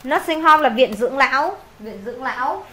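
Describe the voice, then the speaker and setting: High-voiced Vietnamese woman teaching English. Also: lively intonation, bright, forceful tone. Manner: brisk, drills vocabulary with repetition. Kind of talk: classroom lesson, reading aloud and translating. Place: classroom.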